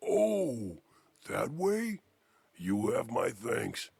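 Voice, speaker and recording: A man's voice: medium pitch, wildly swooping pitch, extremely slow, gravelly, a little mellow, slightly rough, no echo, exaggerated voice. An actor playing a frightened male villager lost in the wild in a video game, speaking anxiously. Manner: anxious, pleading. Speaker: game character.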